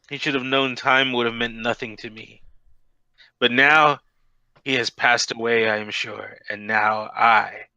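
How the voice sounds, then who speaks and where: Man playing a scornful ancient evil, bright voice. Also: medium pitch, no echo, exaggerated voice, low-quality recording. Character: scornful ancient being released from smoke, vengeful, menacing. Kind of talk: tabletop role-play.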